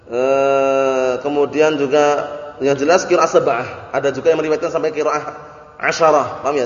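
A male religious teacher giving a grammar lesson, repeating terms, translating them and often asking whether everyone understood. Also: on the high side. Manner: keeps checking if listeners understood. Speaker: Islamic teacher. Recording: echoey hall, dull lo-fi audio.

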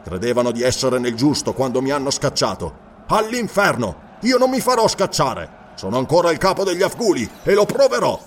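A man's voice: medium pitch, sing-song, fairly quick, far from the mic, slight background noise, close to an everyday voice. A man doing a blunt, hot-tempered barbarian chief. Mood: defiant. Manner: blunt, cursing, gruff. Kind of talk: audiobook character voice.

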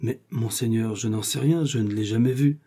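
A timid middle-aged mercer pleads in a raised, anxious voice, as a man reads him. The tone underneath stays mellow and husky. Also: mid-range voice, normal speed.

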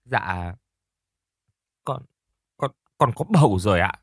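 A man's voice: medium pitch, big pitch swings, a little fast, husky, dry recording, clean studio sound. A man voicing a young woman niece who argues back and then pleads in a told story. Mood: pleading. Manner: pleading, defiant, sobbing speech.

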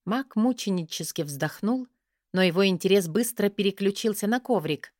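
A woman reading a first-person fantasy audiobook in a lively, wry storytelling manner. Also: mid-range voice, normal speed, dry recording, studio quality. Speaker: audiobook narrator.

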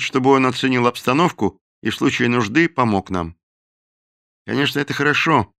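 A man's voice: mid-range voice, bright, forceful tone, no room sound, clean studio sound. A man voicing an earnest young man who sounds uneasy.

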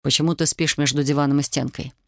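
A stern young soldier husband, gruff and clipped, his anger held down in a low, short-spoken delivery, as a woman reader puts him on. The sound is dry and close, with no room around it. The voice sits a little lower than usual. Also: level tone, quick pace, no room sound.

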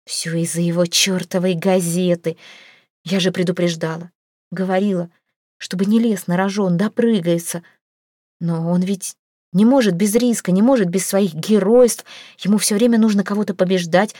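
A woman's voice: fairly low pitch, fairly even intonation, moderate pace, mellow, dry recording, clean studio sound, close to an everyday voice. A woman voicing a young woman who is frantic and tearful, pleading breathlessly between sobs, in a storybook reading. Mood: bitter.

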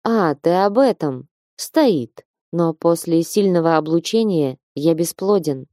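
A woman voicing a gruff bearded dwarf father. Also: expressive, slow pace, dark tone, dry recording, clean studio sound. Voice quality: bass, blunt. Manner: curt, matter-of-fact. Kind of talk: audiobook character voice.

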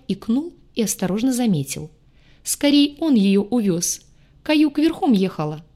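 A woman's voice: fairly low pitch, darkish tone. Woman narrating with wry irony. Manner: wry, ironic storytelling. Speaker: audiobook narrator. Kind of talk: expressive audiobook narration.

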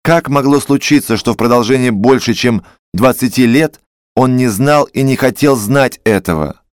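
Brief: male narrator, classic literature, measured expressive reading, dry close mic. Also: mid-range voice, dry recording. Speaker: audiobook narrator.

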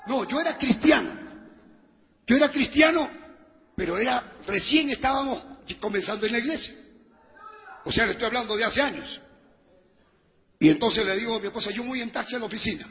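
High-voiced hoarse preacher in a big hall. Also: male voice, normal speed, pauses often. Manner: animated, dramatic, addresses listeners as brother. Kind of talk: sermon with storytelling. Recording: dull sound with long hall reverb.

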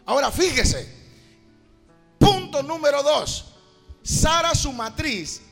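A man's voice: extremely high pitch, big pitch swings, gravelly, fairly bright tone. A man preaching a fervent evangelical sermon, often calling out to his listener as brother. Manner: fervent, drawn-out, addresses "hermano". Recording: reverberant hall, faint music.

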